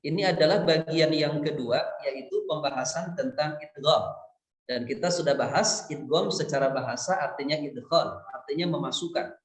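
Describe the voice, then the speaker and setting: Male interpreter for a religious class; very slow, careful pace, recorded in an echoey room. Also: fairly high pitch. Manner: unhurried, spells out terms. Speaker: interpreter for the lesson. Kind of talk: explaining the lesson in translation.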